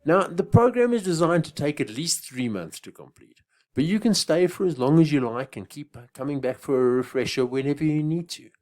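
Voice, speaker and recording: A man, a business coach delivering a scripted sales pitch that builds up to each price drop. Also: lively intonation, brisk, a little mellow. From Africa. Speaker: business coach selling an online course.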